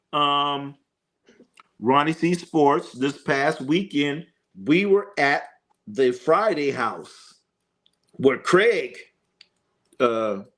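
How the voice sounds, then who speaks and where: A man with a slightly high, somewhat bright voice hosts a live sports stream. He reads viewer comments and chats loosely with them and a co-host, joking around and using plenty of slang and fillers.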